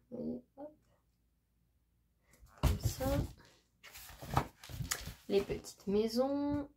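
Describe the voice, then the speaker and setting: Chatty woman in a noisy home recording. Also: on the high side. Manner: chatty and gushing, with many hesitations. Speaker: craft vlogger. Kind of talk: casual show-and-tell chat.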